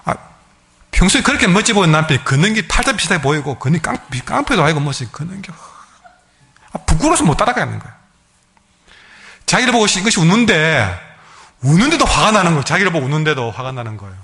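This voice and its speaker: A male pastor with a Gyeongsang accent, preaching a sermon as a lively storyteller who acts out the people in his stories. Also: fairly high pitch, quick pace, long pauses. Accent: Gyeongsang Korean. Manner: lively storyteller, acting out quoted dialogue.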